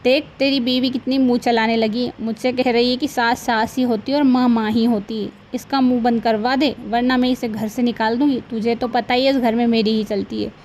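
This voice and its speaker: A woman's voice: on the high side, steady tone, brisk, hardly any pauses, a little mellow, slight background noise, natural voice. A woman voicing a bossy, demanding middle-aged mother-in-law in a cartoon, with a nagging, scolding manner.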